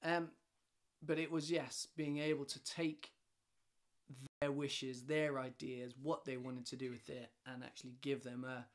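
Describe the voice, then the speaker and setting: A man's voice: mid-range voice, level tone, unhurried. A man in his thirties from the UK, a lighting design company director, chatting casually on camera from a living room with lots of restarts and fillers. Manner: chatty, rambling with many restarts and fillers, gestures a lot. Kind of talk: casual talking-head explainer. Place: home living room with shelves and a stove. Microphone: camera in front, head and shoulders framing.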